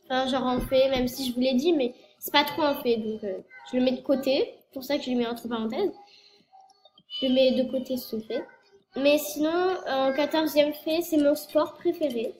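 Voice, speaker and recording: A YouTuber, a girl from France in her early teens, meanders through a laid-back vlog, peppering it with fillers and self-corrections while stuffed up from a cold. Her woman's voice sits high and a little mellow, with fairly even intonation at a normal speed. The recording has an echoey room sound and faint noise.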